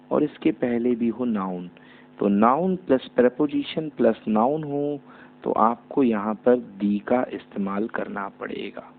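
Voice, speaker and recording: A male teacher giving a grammar lesson, asking his pupils questions and then answering them himself. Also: medium pitch. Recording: tinny phone-like audio with hum.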